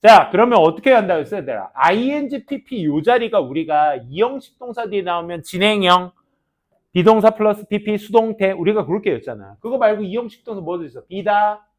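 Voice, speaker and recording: A man teaching an English grammar class, joking and teasing his students in a slangy way, often switching between loud calls and mumbled asides. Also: high voice, lively intonation, brisk. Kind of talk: lively classroom lecture.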